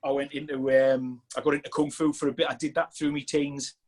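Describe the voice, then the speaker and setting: A strength coach in his forties from Sunderland, England, chats casually as a podcast guest, rambling with many restarts. His voice is on the high side and a little mellow, with little pitch movement, and he talks fast.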